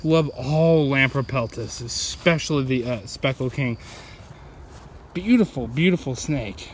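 Speaking a little slowly with a medium pitch, a young man narrates his wildlife vlog out among woods and ponds. His phone is handheld at arm's length, picking up background noise as he chats enthusiastically and informally, calling the animals "buddy."

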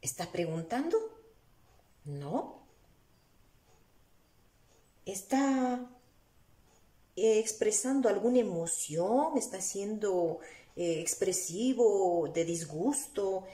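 A woman teacher with an Ecuadorian Spanish accent explains grammar at an unhurried pace, her voice rising and falling a lot. Her tone is mellow and warm. The sound is roomy, recorded in a classroom with a board. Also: medium pitch, lively intonation. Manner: slow, explains step by step, asks rhetorical questions. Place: room with a whiteboard. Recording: echoey room.

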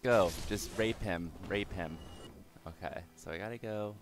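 Casually commentating his gameplay through a desk microphone, this young host of a gaming channel has a somewhat low, slightly raspy voice, still hoarse from yesterday's yelling. He curses at foes and mocks his own mistakes at a measured pace, with background noise audible.

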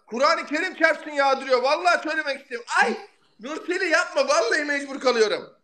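A man hosting a casual live stream, loud and excitable, shouting thanks for gifts and swearing casually. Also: very high voice, fast talker. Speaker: livestream host.

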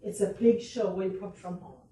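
Middle-aged woman, garden talk, mellow voice, joking with audience, echoey room, distant mic. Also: mid-range voice, steady tone, fast. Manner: chatty and joking, asks the audience questions. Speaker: horticulturist giving a library talk. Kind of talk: lively gardening presentation to a live audience. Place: library meeting room. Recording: roomy sound from a distant mic with faint noise.

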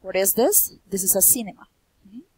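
A woman's voice: mid-range voice, normal speed, warm tone, slightly rough, poor audio. A young woman from Colombia with a Bogotá accent, teaching city vocabulary in English and then explaining it again in Spanish, with her voice rising on each quiz question. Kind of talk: bilingual vocabulary lesson.

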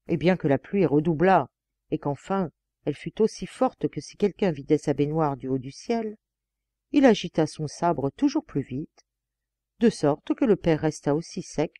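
A woman reads a classic fairy tale aloud with a lively, expressive rise and fall. Her tone is mellow and soft-edged. The close mic gives a dry, booth-like sound. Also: fairly low pitch, no room sound. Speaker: audiobook reader. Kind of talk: scripted fairy-tale narration.

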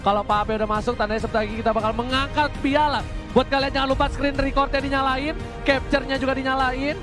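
High-pitched Indonesian male live event commentator. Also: little pitch movement, fast. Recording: live broadcast with music behind. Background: music.

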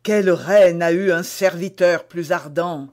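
A man's voice: high-pitched, measured pace, a little mellow. A man reading aloud as an ardent, lovestruck nobleman who speaks fervently and fatalistically. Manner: fervent, declamatory.

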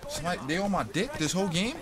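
An American gamer streamer with a high voice does casual, slangy commentary, swearing and reacting brashly, talking fairly quickly with big swings in pitch. Background noise and game sounds, including ambience and horse hooves, play behind him.

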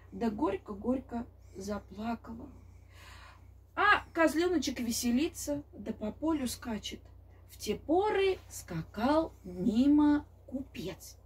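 A middle-aged woman reading a fairy tale aloud to children like a grandma, in an expressive, deliberate, sing-song manner. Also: high-pitched. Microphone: camera a few steps away. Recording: distant phone or camera mic.

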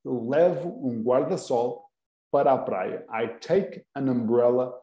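A man with a European Portuguese accent leads a relaxed online language lesson, taking his time and repeating each example phrase with care. His voice is mellow and unhurried, and it rings a little in an echoey room. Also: mid-range voice. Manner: patient, repeats example phrases slowly and clearly. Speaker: English teacher.

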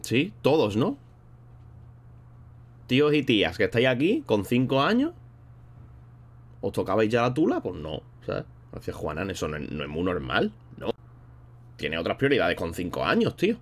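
A man's voice: fairly low pitch, huge pitch swings, moderate pace, long pauses. A man streaming live, chatting casually and rambling in a slangy way while thanking viewers between thoughts. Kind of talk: casual livestream chat.

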